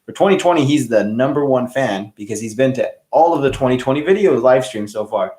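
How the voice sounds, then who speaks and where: A man's voice: medium pitch, brisk, darkish tone, reverberant. A man hosting a casual hookah review livestream, chatting loosely and greeting viewers by name. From California.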